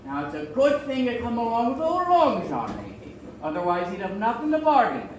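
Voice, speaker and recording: A man playing a scheming one-legged pirate cook in a live stage play, barking orders in gruff pirate dialect. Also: extremely high pitch, huge pitch swings, fairly quick, darkish tone, full character voice. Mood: sly. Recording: echoey hall from far off, background noise.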